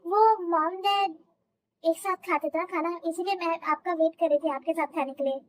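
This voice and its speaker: A woman's voice: very high-pitched, steady tone, moderate pace. A woman voicing a young wife who scolds her husband indignantly in a fan audio drama. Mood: soft.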